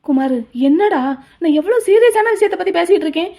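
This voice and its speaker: A woman voicing an excitable young male college student who pleads loudly and rambles. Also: very high voice, a little fast. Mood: agitated.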